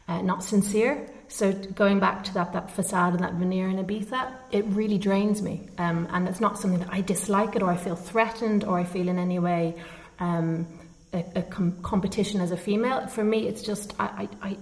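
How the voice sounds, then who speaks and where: A woman with a mid-range voice talks in a casual, unhurried conversation. She is candid and reflective, and her speech slips easily into laughter. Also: mid-range voice. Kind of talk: casual chat.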